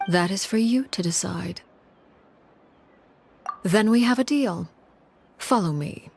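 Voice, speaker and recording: A woman playing a cold, composed female Harbinger in a video game, speaking formally and deliberately with soft, hushed edges. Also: mid-range voice, gravelly. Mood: somber, controlled. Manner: measured, formal, aloof, deliberate. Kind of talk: video game story dialogue. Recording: music playing behind the voice.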